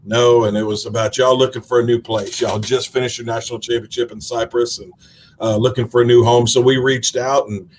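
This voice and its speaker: A man's voice: mid-range voice, level tone, brisk, slight background noise. A man hosting an interview, asking friendly, loosely worded questions with fillers. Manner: friendly, filler-heavy, says y'all. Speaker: interviewer, tourism sales director.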